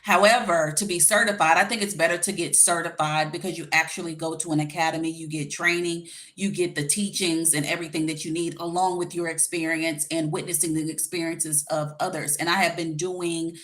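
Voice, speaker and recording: A woman in her forties, a life coach and YouTube host, gives dating advice in a casual livestream chat with viewers. Her voice is on the low side and a bit bright, and she talks informally and directly with a slight lisp from wearing a retainer.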